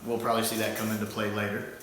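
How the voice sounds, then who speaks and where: A man's voice: lowish voice, little pitch movement, racing, fairly bright tone. A man giving a casual spoken review, rambling and thinking aloud with frequent restarts. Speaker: audio drama reviewer. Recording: echoey room, far from mic.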